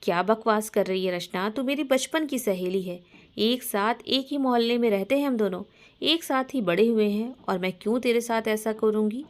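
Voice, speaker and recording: A woman's voice: a little high, moderate pace, natural voice. A woman voicing a loyal young woman who earnestly defends herself to her friend. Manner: pleading, earnest.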